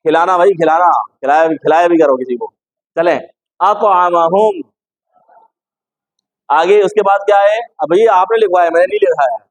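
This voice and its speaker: A man's voice: high-pitched, fast talker, dry recording, poor audio. A man teaching a class how to recite words correctly, repeating each word many times and correcting his students. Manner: asks the class questions and corrects them. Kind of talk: classroom tajweed lesson.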